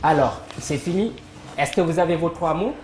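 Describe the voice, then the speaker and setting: A woman's voice: low voice, normal speed, music in the background. A woman hosting a live TV word game, upbeat, cueing applause and greeting viewers. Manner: upbeat announcer, cues applause and addresses viewers. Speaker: game show host. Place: TV studio. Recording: echoey studio with faint noise.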